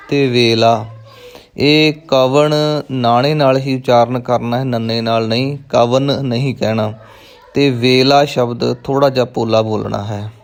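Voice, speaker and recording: A man teaching the pronunciation of scripture, reciting lines in a slow, measured, chant-like way and then explaining them. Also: medium pitch.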